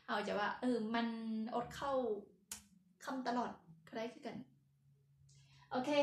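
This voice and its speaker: A woman with a Lao accent gives a relaxed language lesson with a slightly high voice. She talks chattily and laughs at her own slips. The sound has an echoey room around it. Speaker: language teacher.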